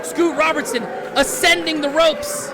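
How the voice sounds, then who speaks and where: A man doing excited play-by-play wrestling commentary in an emphatic, dramatic way, often shouting. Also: extremely high pitch, unhurried. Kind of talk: excited live wrestling commentary, calling moves and counts. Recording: loud crowd and music behind. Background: crowd noise and music.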